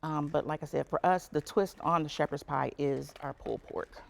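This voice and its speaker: A woman speaking as a restaurant manager in a casual cooking interview, haltingly and repeating herself. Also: deep voice, steady tone, vocal fry.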